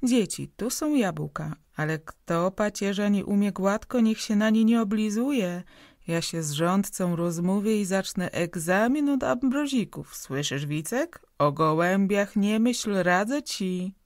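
Audiobook lady figure: a woman reading a brisk, firm yet friendly young lady, slightly raised, gravelly. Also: medium pitch, lively intonation, dry recording, clean studio sound. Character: brisk, kindly young lady landlord's agent.

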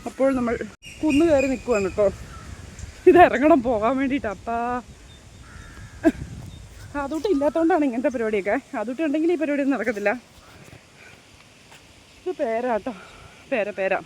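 A woman's voice: high-pitched, lively intonation, a little fast, long pauses, a little mellow, a little hiss or hum. Chatty woman vlogging on the move. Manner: chatty, keeps addressing viewers with tag questions. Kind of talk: casual walking vlog. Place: outdoors walking along roads, then at home.

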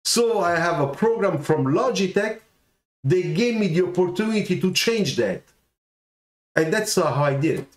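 A man's voice: sits high, moderate pace. A middle-aged man, giving career advice on a livestream from a home studio, gesturing and often checking in with "okay?". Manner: animated, gestures a lot, keeps asking "okay?". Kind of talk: livestreamed talk to viewers. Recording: roomy echoey room sound.

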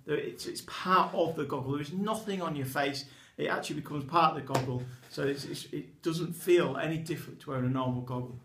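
An English man in his thirties, an eyewear retailer, talks enthusiastically to camera across a desk while demonstrating products, his voice a little high and a bit bright with vocal fry. He sits in a small indoor office with a poster behind the desk, recorded by a camera in front at desk distance, and the small room sounds echoey.

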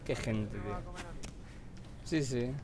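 A man's voice: medium pitch, takes it slowly, darkish tone, a little hiss or hum. A young man with a Spanish accent from Spain, streaming a game and arguing bluntly with other players. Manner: irritated, blunt, swearing. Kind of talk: live gaming stream chat.

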